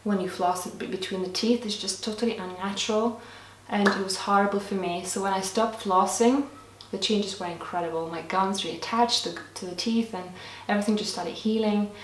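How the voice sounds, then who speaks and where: A young Lithuanian-native woman speaks at a moderate pace in a mid-range voice with fairly even intonation, earnestly answering viewer questions on camera with small restarts. It's a casual Q&A recorded from a distant mic in an echoey room, with a little hiss or hum and her voice off-mic.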